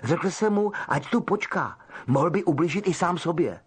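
A man's voice: on the high side, expressive, husky, voice pushed up. Ron, a man doing an eager teenage boy. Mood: worried. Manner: eager and exclaiming. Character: excited loyal teenage boy.

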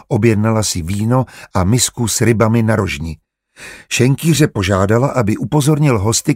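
A man narrating an audiobook in a measured, even reading style. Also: medium pitch, breathy edge, no echo, studio quality.

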